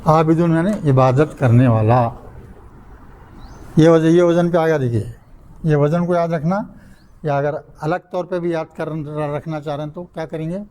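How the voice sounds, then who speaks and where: A man's voice: on the high side, warm tone, low-quality recording. An older man from India, teaching a grammar class in a mosque. He quizzes his students and sounds out word patterns syllable by syllable. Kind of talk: classroom lecture.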